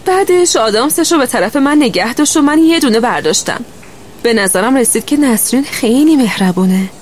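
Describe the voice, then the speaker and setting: A woman narrating a first-person children's story in a gentle, steady way. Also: fairly high pitch, slight background noise.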